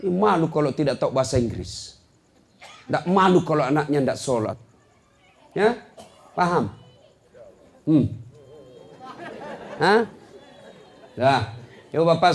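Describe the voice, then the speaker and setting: A middle-aged man preaching a humorous sermon, firing rhetorical questions at the congregation and building to shouted climaxes. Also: fairly high pitch. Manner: jokey, addresses the audience directly with rhetorical questions. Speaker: Islamic preacher.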